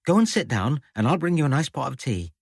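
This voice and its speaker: A bustling young serving girl with a broad Norfolk accent, fussing and motherly, as a male storyteller puts her on. She chatters in a raised, lively voice that swings about. The delivery is husky and dry. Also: medium pitch, quick pace, no room sound, voice pushed up, exaggerated voice. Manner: fussy, excitable, motherly.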